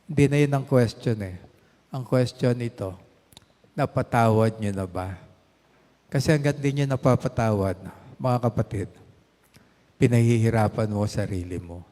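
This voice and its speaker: A man's voice: medium pitch, normal speed, long pauses, mellow. An older man preaching a sermon as pastor, mixing two languages and rising to emphatic stresses on key words. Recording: echoey hall reverb.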